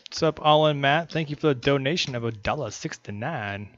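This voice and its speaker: A man's voice: mid-range voice, brisk, fairly bright tone. A man commentating a live poker stream, bantering and joking with viewers between hands. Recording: slightly dull stream audio, faint hiss.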